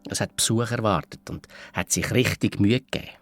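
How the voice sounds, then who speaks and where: A man's voice: lowish voice, fairly quick. A man with a Swiss German accent narrating a children's audio story in a playful, childlike first person. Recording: dry studio read with soft music.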